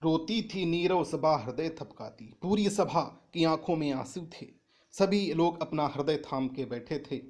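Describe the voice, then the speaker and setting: A male teacher with a somewhat high-pitched voice works through a poem line by line. He reads each verse, then restates it in simple everyday words. His voice lifts in pitch and volume when he stresses a point. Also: lively intonation, a little slow, darkish tone. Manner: rises in pitch and volume on emphatic paraphrases. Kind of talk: reading and explaining a Hindi poem.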